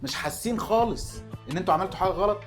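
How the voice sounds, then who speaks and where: A man's voice: high voice, very fast, faint music behind. A man in his twenties with an Egyptian Arabic accent, talking naturally and unscripted to the camera as a football fan host, earnest and insistent with rhetorical questions. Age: 20s.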